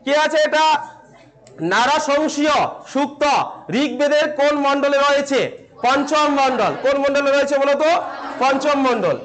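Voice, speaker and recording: A man's voice: extremely high pitch, steady tone, normal speed, fairly bright tone. A male teacher giving a classroom lecture, playfully teasing students and repeating each question and answer for them to drill. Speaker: Sanskrit teacher.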